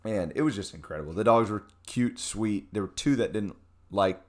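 A young man telling a travel story in casual chat, animated, with many fillers and restarts. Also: lowish voice, moderate pace.

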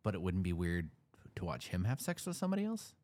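Very deep-voiced man asking teasing questions. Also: wildly swooping pitch, quick pace, darkish tone. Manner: teasing, mimics others in playful quotes. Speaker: interviewer. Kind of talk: frank casual interview.

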